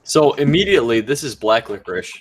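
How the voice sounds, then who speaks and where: A man's voice: mid-range voice, big pitch swings, brisk, over a noisy crowd. A man in a casual livestream chat, laid-back and agreeable, describing tastes.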